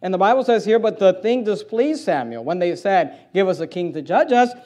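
Man, very high pitch, pastor, church sermon, emphatic, slow weighty scripture reading. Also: animated, a little mellow. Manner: emphatic preaching, slows and swells for scripture. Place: church, preaching from the front.

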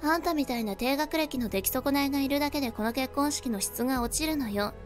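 A woman voicing a spoiled, contemptuous young bride in a storybook drama, with a shrill, whiny manner. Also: fast talker, faint music behind, natural voice. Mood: sneering.

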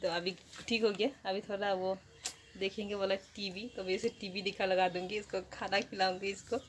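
A woman's voice: medium pitch, steady tone, moderate pace, slight background noise. A woman talking casually at home in a vlog, playful and teasing with her child. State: sweaty after play-fighting. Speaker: vlogger and mother. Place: home room with a fan and TV.

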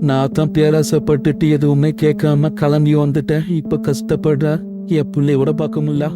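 A man playing a homesick young husband, flat-voiced. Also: a little high, brisk, over music, lightly acted. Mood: earnest. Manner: earnest and pleading. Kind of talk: Tamil cartoon voice acting.

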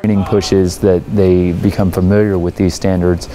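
A man's voice: low-pitched, flat delivery, normal speed, warm tone, poor audio. A man in his twenties, an army cadet answering formally in an interview, with a hesitant, stiff way of explaining. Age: 20s. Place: large indoor hangar-like hall.

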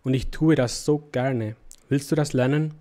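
Storybook role: a man reading a kind fatherly king, calm, tender, reassuring. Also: mid-range voice, moderate pace, natural voice. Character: gentle loving fatherly king.

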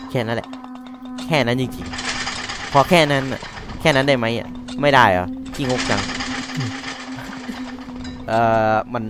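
A man gives casual horror game commentary, muttering to himself and cursing at every scare. His voice sits at an ordinary middle pitch. A steady noise hums behind him in a home recording. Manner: jumpy, talks to himself and swears when startled. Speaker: let's-play gamer.

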